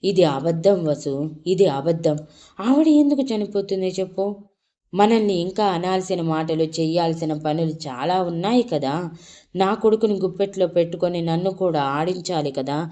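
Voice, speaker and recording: Brief: woman reading anguished young husband, low dark voice, pleading, insistent questions. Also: normal speed, natural voice. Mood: disbelieving. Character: distraught young husband in denial.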